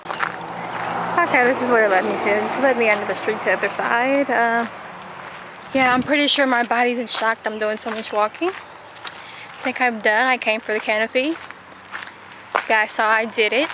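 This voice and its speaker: A woman's voice: fairly high pitch, normal speed, long pauses. Chatty young woman vlogging outdoors. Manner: chatty, lots of "like" and "um". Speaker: travel vlogger. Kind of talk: casual travel vlog. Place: outdoors in gardens and in a car. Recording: camera audio with clear outdoor noise.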